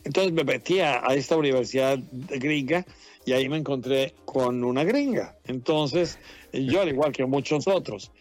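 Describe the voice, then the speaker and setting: A man's voice: medium pitch, moderate pace. Man, 50s, born in Mexico, veteran journalist guest; rambling, chatty, laughs easily; faint music behind. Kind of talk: casual interview conversation. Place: Washington.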